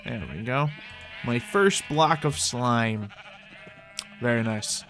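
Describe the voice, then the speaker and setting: Soft music plays behind a man who slowly talks his way through a game on stream. He rambles casually and playfully addresses himself and the in-game animals in a medium-pitched, slightly bright voice.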